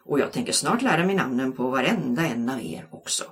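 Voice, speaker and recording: A large, kindly male substitute teacher in a children's audiobook with a deep, dark voice, put on by a woman reading the story. He speaks warmly to the class and gets a little flustered. His speech swings up and down in lively curves. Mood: friendly.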